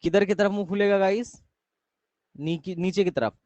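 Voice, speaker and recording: A young man teaches a live math class, repeating his questions and asking the students to answer. His voice sits a bit high. The sound is dry and dull, like an online call. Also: steady tone, moderate pace, a little mellow, no room sound. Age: young adult.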